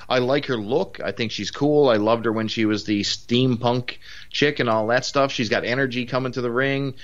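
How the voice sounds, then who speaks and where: On muffled, lo-fi podcast audio, a Newfoundland co-host with the local accent rambles opinionatedly through a casual chat, leaning often on fillers. His voice is mid-range with a fairly bright tone.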